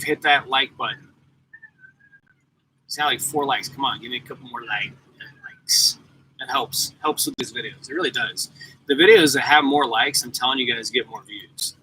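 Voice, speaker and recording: A forty-something man talks to his live viewers in a loose, rambling way, his voice bright and forceful. He sits in a parked truck, recorded on a laptop mic with a faint hum of ambience behind him. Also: mid-range voice, poor audio. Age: 40s. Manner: rambling, chatty, addresses viewers directly. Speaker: truck driver and YouTuber. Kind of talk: casual live-stream chat.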